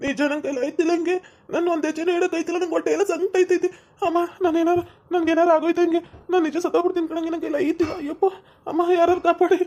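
Lady doing a whiny sick village husband, high flat moaning voice, quick. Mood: groaning. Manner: moaning, pleading, drawn-out complaints. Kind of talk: village comedy skit.

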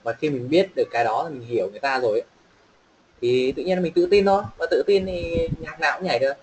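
A man from Vietnam teaching an online pronunciation lesson, chatting casually and slowly repeating phrases for students to copy. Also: on the high side, darkish tone, a little hiss or hum, low-quality recording. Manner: casual, chatty explaining with fillers. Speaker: English teacher.

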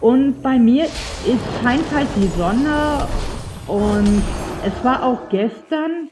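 A young woman with a slight cold, her voice high and expressive, talks very slowly to her viewers while playing a game, over some background noise. She's a let's play streamer, rambling through casual gameplay commentary full of fillers and speaking straight to her audience.

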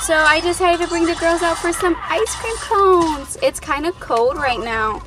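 A young adult family vlogger chats casually to camera on a phone held at arm's length, first in her home living room and later in a car at night. She has a very high voice, speaks at a measured pace, and the audio quality is poor.

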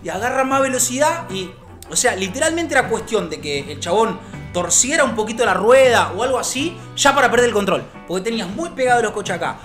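A man's voice: sits high, a little fast, soft background music. A young man with an Argentine accent, telling a casual anecdote and acting out the voices in it. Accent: Argentine Rioplatense. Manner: animated, acts out voices, laughs often. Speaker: storyteller.

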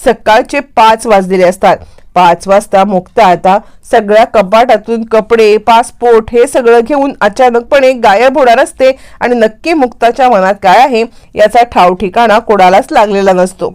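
A woman's voice: on the high side, normal speed, darkish tone. A woman retelling a serial story, dramatically acting out the characters' lines in her own voice.

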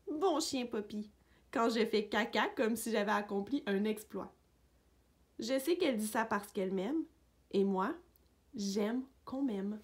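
Brief: woman with a fairly high voice, reading a children's picture book slowly and gently. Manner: gentle, unhurried storytelling for young children. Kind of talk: read-aloud storybook narration.

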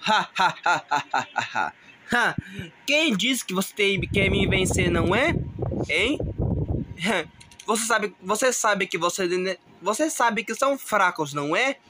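A man's voice: sits high, lively intonation, measured pace, noisy background. A man voicing a boastful, mocking male dinosaur villain in a homemade toy movie, taunting and laughing scornfully. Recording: loud music underneath.

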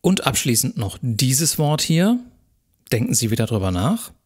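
A man giving a recorded university lecture, working through exam questions step by step in a calm, methodical way and speaking directly to his viewers. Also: medium pitch, normal speed, husky.

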